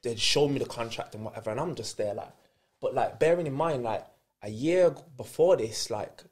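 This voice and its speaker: A man's voice: medium pitch, normal speed. A man, a podcast guest and former footballer, telling stories in casual slangy chat. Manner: animated storyteller, laughs through punchlines, slangy.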